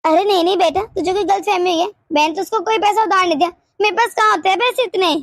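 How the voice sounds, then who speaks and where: A woman's voice: extremely high pitch, quick pace, no echo. A woman voicing a flustered neighbor aunt in a cartoon who denies lending money. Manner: flustered, denying.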